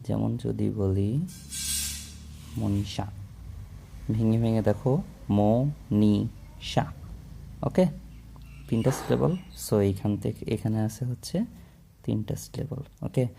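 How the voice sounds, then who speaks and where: A man's voice: on the low side, flat delivery, a little slow, vocal fry, long pauses, mellow, a little hiss or hum. A man explaining English grammar in a casual classroom way, mixing in English terms and checking in with "okay?" often while he writes. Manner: writes on a board while talking.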